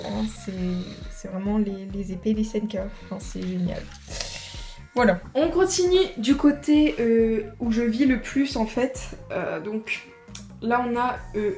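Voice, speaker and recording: A woman's voice: on the high side, darkish tone. Rambling teenage girl, roomy bedroom. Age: teens. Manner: rambling, full of fillers and "voilà". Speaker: vlogger giving a room tour. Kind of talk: casual chat. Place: her bedroom, indoors. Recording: roomy bedroom echo, faint music.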